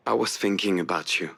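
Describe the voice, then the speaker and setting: In a visual novel drama, a guarded man speaks low, halting and defensive, protective of others and self-effacing while holding his own pain back. His heavily acted delivery carries vocal fry, a sharp tone, and a breathy edge, and he sounds hesitant.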